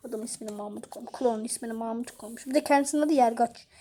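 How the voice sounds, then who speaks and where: Playing all the characters herself in a homemade episode, this female YouTuber has a mellow voice on the high side. She keeps the banter light and playful, hopping rapidly from one voice to another.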